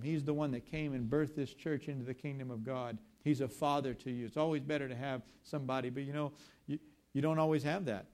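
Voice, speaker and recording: A man preaching a sermon, shifting between scripture and lively storytelling. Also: fairly high pitch. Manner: animated storytelling with conversational asides. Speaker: pastor.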